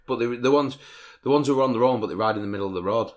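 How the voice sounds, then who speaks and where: A man's voice: medium pitch, very fast. A man hosting a casual podcast chat, swearing and laughing through banter. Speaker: podcast host.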